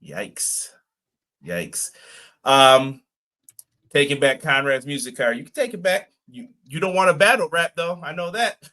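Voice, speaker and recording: This man's voice is fairly high, pushed and bright, animated yet a little slow. He co-hosts a live wrestling podcast stream, casually chatting, reading out chat comments, and laughing a lot.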